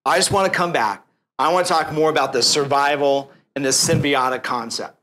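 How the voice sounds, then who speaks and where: A male interview host with a somewhat high voice who talks in a loose, slangy way and keeps summing up what his guest says. A faint rumble sits under the recording. The tone is relaxed and informal. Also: fairly quick. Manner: loose, slangy, restating points. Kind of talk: casual interview.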